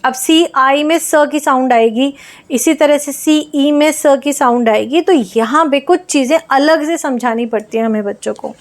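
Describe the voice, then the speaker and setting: A woman's voice: high voice, a little slow. A woman teaching English reading in a lesson, patiently sounding out letters one at a time. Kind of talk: explaining phonics lesson.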